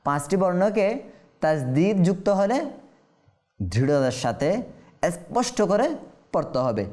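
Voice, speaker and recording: A man with a Bangladeshi Bengali accent teaching Quran recitation, explaining rules quickly and then chanting the verses slowly in a drawn-out voice. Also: a little high, sing-song, darkish tone. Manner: asks questions and answers them himself. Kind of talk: tajweed lesson with slow chanted recitation.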